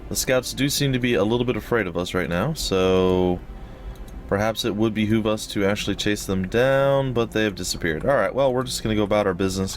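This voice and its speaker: A man with a slightly wheezy, breathy-noisy voice giving casual, rambling, jokey commentary as host of a gaming let's play. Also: on the low side. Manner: rambling, jokey, repeats phrases for effect.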